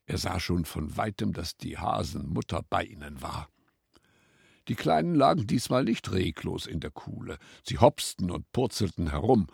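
A man reading a children's story aloud in a slow, gentle way. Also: low voice, very animated, gravelly, breathy edge, no echo, clean studio sound.

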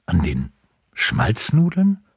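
A man's voice: on the low side, wildly swooping pitch, slow pace, vocal fry, slightly rough, dry recording, clean studio sound, exaggerated voice. A man voicing a skeptical town physician who questions people in an agitated way.

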